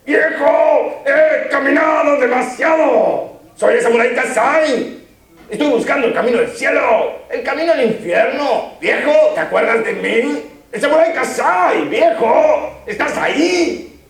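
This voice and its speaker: A male storyteller voicing a desperate samurai warrior who shouts and pleads, in an echoey hall. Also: extremely high pitch, expressive, unhurried, voice pushed up, heavily acted. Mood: desperate shouting. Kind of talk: live storytelling.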